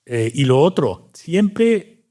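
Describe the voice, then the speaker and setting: Cuban-born guy, doctor being interviewed, thinks out loud, lots of little restarts. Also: a little high, big pitch swings, very slow. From Cuba. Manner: reflective, with many fillers and restarts. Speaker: guest, doctor and scientist. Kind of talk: casual interview talk.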